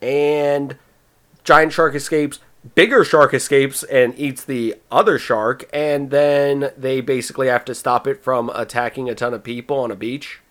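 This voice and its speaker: A man hosting a casual movie podcast, summarizing the plot with quick, stumbling restarts. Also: medium pitch, fairly even intonation, a bit bright. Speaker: podcast host presenting the movie.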